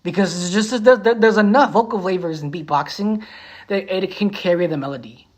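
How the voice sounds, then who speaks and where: A beatboxer and musician chats casually on a livestream, saying titles over slowly and humming melodies. His voice is medium-pitched.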